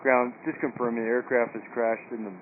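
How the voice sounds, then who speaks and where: A man's voice: mid-range voice, little pitch movement, moderate pace. Male rescue responder on narrow radio. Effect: two-way radio. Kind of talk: radio confirmation exchanges. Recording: narrow-band radio with faint static.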